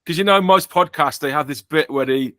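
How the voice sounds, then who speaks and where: A man's voice: a little high, a little fast, a bit bright, no room sound. A man with an English accent hosting a casual podcast chat, joking dryly and poking fun at himself. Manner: dry, joking, self-mocking. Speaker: podcast host.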